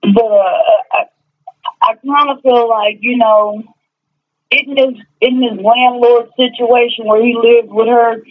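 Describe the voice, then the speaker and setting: A woman's voice: fairly high pitch, steady tone, takes it slowly. A woman calling in over a speakerphone, giving her opinion plainly and laying out her points one by one. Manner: plainspoken, lays out points in order. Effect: heard over a phone on speakerphone. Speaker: caller. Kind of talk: casual chat. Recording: tinny phone line on speaker.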